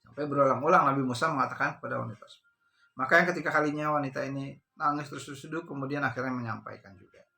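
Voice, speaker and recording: A man's voice: mid-range voice, rapid-fire, creaky, sharp tone. A male preacher telling a story in a sermon, repeating phrases and addressing the listeners as brothers and sisters.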